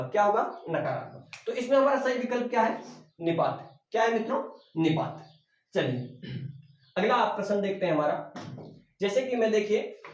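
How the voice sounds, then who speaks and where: A man teaching a Hindi grammar lesson for exam preparation, with a Rajasthani Hindi accent, who keeps asking questions and answering them himself while repeating the key terms. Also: high-pitched. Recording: very echoey, dull lo-fi room recording.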